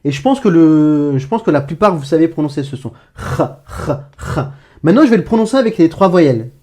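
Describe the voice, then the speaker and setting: A man's voice: on the high side, big pitch swings, mellow. A man teaching the Arabic alphabet in a casual online lesson, speaking informally to the viewer and often correcting himself. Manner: demonstrates throaty sounds slowly and repeats them.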